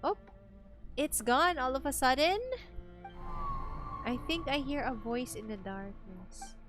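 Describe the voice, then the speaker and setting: A woman reacting excitably to a game and reading along as she plays. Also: high-pitched, takes it slowly. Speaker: streamer playing a game. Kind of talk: live gameplay reaction and reading aloud. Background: game music.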